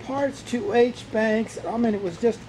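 An older man from Scotland chatting about aircraft engines, halting and searching for words. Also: very high voice. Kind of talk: casual conversation. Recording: loud crowd chatter behind. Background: crowd noise.

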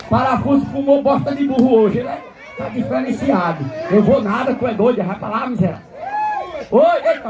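High-pitched shouting rodeo announcer, loud crowd. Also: male voice. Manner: shouting, joking, egging on the crowd. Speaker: event announcer. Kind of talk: live bullfight-style rodeo commentary. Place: outdoor rodeo arena. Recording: loud crowd and music outdoors.

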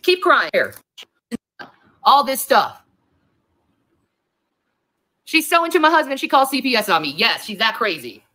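High, animated woman ranting angrily. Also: a little slow, long pauses. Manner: heated, profane, confrontational. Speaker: livestreamer in a played clip. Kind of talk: angry livestream rant.

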